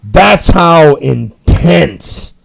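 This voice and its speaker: A man's voice: on the high side, expressive, drawn-out words, gravelly. A middle-aged man hosting a powerlifting live stream, telling stories in a rambling, profane, emphatic way. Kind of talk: casual storytelling chat.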